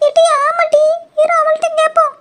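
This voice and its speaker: A woman's voice: very high voice, flat delivery, brisk, a bit bright, pitched above the performer's own voice. A woman voicing several chattering village women and a worried young bride in a cartoon. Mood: gossiping. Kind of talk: cartoon voice acting.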